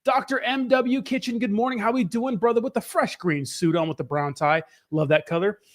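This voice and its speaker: A man hosting a casual live stream with a slightly hoarse voice, hyping things up and greeting viewers in informal slang. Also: sits high, a little fast. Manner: upbeat, informal hype with slangy shout-outs.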